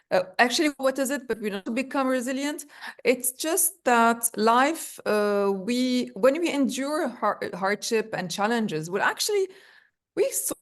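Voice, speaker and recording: A woman from Lebanon, a podcast guest speaking in a conversational interview, often searching for words and restarting. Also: on the high side.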